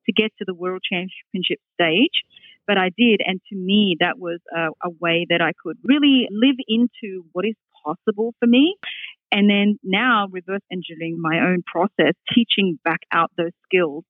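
A middle-aged Australian woman, a public speaking coach, answers interview questions in an articulate, upbeat way and laughs readily. Her mid-range voice moves at a moderate pace. The recording comes over a tinny phone line, dry with no room sound.

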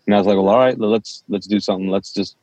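This pastor from Kuwait, a native Urdu speaker, talks quickly in a lowish voice as a guest in a casual interview. He tells his story with animation, acting out the quoted dialogue.

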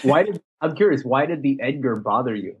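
A man from the United States, a sports writer guest in a casual podcast chat, easygoing and quick to laugh. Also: medium pitch, lively intonation, slightly rough, low-quality recording.

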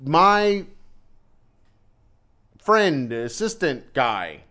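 A man's voice: a little high, sing-song, drawn-out words, bright, forceful tone. Exasperated male teacher ranting. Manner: exasperated storytelling rant, repeats himself. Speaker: English teacher in China. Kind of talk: casual podcast chat.

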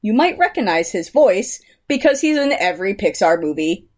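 A woman's voice: medium pitch, sing-song, moderate pace. A young woman co-hosting a podcast, chatting casually, laughing often and reading out trivia. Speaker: podcast co-host. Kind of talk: casual chat.

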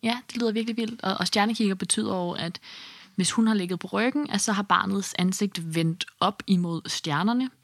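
A woman commenting on a birth as an expert, explaining calmly in a soft, at times breathy voice. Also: medium pitch, no room sound, clean studio sound. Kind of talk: casual podcast commentary.

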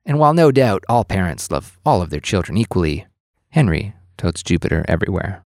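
A man's voice: low-pitched, big pitch swings, fairly quick, a little mellow, no room sound. A man narrating a story podcast as its host, in a dry, wry scripted delivery.

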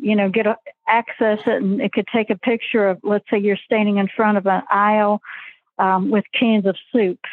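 A woman calling in from an old flip phone, her voice squeezed into a thin, tinny phone band and bone dry with no room around it. She sounds hesitant and apologetic, often pausing on "um" while she gets her question out. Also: mid-range voice, no echo. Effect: heard over an old flip phone call. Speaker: caller. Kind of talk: call-in question on a talk show.

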